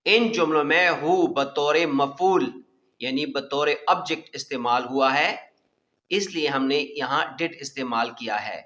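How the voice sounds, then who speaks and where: A male teacher giving a bilingual grammar lesson, reading English examples very slowly and translating them quickly in Urdu. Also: on the high side, pushed and bright, echoey room, highs cut off.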